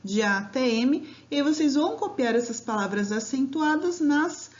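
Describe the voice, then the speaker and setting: Woman, teacher, fairly high voice, patient, slow drawn-out syllables, dull lo-fi sound. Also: lively intonation. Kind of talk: grammar lesson for children. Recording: dull lo-fi home recording.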